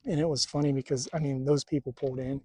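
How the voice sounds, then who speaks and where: A man talking casually to camera at a desert campsite, halting and stuttering, with a tight, strained throat. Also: medium pitch, steady tone, darkish tone, husky, no echo. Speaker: spiritual vlogger.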